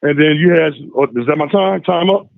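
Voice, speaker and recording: A man phones in to tell a long story in loose, casual talk, slipping into the voices of the people he describes. His voice sits high and carries a gravelly rasp. It comes through a thin, dry phone line. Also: brisk, no room sound. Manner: animated, acts out voices in his stories. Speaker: phone-in guest.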